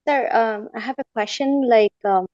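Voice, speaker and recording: A woman's voice: on the high side, moderate pace, a little mellow, dry recording, highs cut off. A woman in her forties from Bangladesh, asking questions on a video call in a hesitant way with many fillers. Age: 40s.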